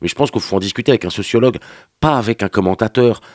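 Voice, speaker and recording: A man's voice: lowish voice, racing, no room sound, clean studio sound. A man with a French accent delivering a sarcastic, slangy TV review as a morning radio columnist. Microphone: studio microphone.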